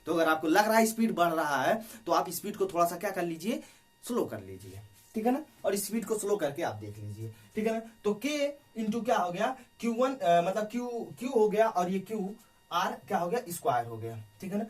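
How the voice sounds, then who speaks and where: A man's voice: sits high, very animated, a little fast, soft background music. Male physics teacher, slightly distant mic. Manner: keeps asking rhetorical questions and adding "ठीक है ना". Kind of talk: physics lesson worked on a board.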